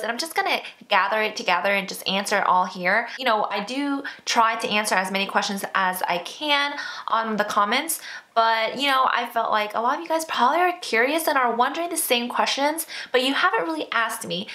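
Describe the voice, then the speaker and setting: A woman's voice: fairly high pitch, a little fast, bright, forceful tone. A woman in her twenties chatting casually to her viewers and answering their questions, chatty and self-deprecating, with lots of fillers. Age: 20s. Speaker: beauty vlogger. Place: indoor, seated.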